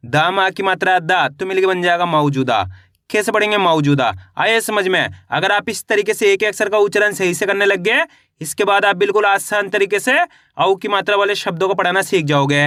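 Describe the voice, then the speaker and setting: A man with a high, bright voice teaches reading, sounding out each syllable slowly before joining them into a word. He keeps asking the viewer whether they follow. The recording is close and dry. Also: dry recording. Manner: spells words out syllable by syllable, then checks with the viewer. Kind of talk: slow syllable-by-syllable reading lesson.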